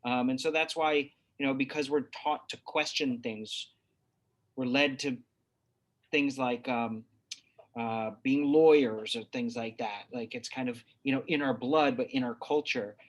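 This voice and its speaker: A man's voice: medium pitch, fairly even intonation, a little slow. A man from New Hampshire speaking as an interview guest, searching for his words with frequent restarts. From New Hampshire, USA. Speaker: guest, father. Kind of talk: reflective interview talk.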